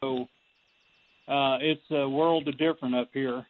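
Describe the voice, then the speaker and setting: A man's voice: medium pitch, fairly even intonation, moderate pace, dry recording. Man calling in over a tinny phone line. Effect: heard over the phone. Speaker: radio call-in caller. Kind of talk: casual chat.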